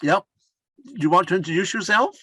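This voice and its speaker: A man's voice: high-pitched, fairly quick, bright, forceful tone, husky, no room sound. An older man leading an online course, chatting encouragingly over a video call and rambling with restarts. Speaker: course leader. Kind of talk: casual chat on a video call.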